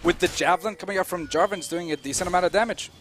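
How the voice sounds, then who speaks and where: A man's voice: sits high, very fast, a bit bright. A man doing live play-by-play commentary on an esports match, with playful, teasing banter toward his co-caster.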